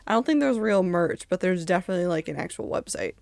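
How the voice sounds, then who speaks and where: A woman's voice: on the low side, animated, quick pace, vocal fry, a little mellow, no echo. Chatty woman streamer, dry close mic. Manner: chatty, reacts aloud to the game. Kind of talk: casual gameplay commentary.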